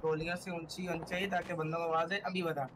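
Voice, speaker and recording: A man streaming a game with friends, shouting quick callouts through a boosted mic that clips and distorts. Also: on the high side, little pitch movement. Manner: loud, quick callouts during play. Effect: clipping, distorted boosted mic. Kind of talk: excited gaming chat with teammates. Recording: noisy, clipping overdriven mic.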